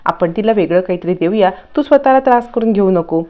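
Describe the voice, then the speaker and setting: A woman voicing a calm, reassuring young man in a TV serial recap, speaking gently. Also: mid-range voice, brisk, narrow, tinny audio, natural voice. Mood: soothing.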